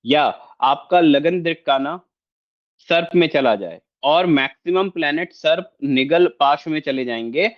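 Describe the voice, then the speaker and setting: Male astrology tutor, explanatory, keeps checking in with viewers, slightly higher voice, muffled audio. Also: unhurried. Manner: explanatory, mixes Hindi with English, frequent check-ins. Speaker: astrology teacher. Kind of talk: online lesson with screen share.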